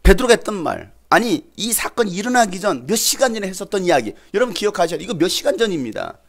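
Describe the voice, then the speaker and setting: Preaching a sermon as pastor, a man with a high voice talks fast and animatedly, putting questions to the congregation and acting out quoted speech.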